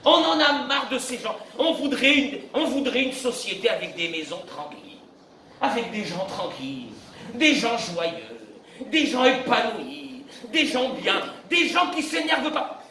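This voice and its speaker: A man, a rabbi, preaching a lively sermon, acting out everyday exchanges and breaking into shouts. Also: very high-pitched, unhurried, crowd noise. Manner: animated, acts out dialogues, bursts into shouts. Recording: echoey room from far off.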